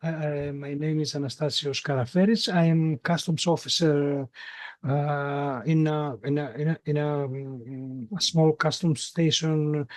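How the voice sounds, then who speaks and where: A man from Greece, a customs officer introducing himself, halting and searching for words. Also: a little high, steady tone, no room sound. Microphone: video call.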